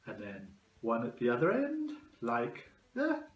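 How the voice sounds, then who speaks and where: A man's voice: medium pitch, huge pitch swings, a little slow. A man presenting a children's craft demonstration, explaining it step by step. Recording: echoey room with music.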